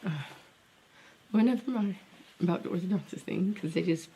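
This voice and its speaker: A young Southern US woman, a special education teacher who vlogs, talks casually to camera, congested from a cold. Her voice is lowish, creaky, warm and husky at a moderate pace, and she rambles as she thinks aloud, sometimes dropping to a near-whisper.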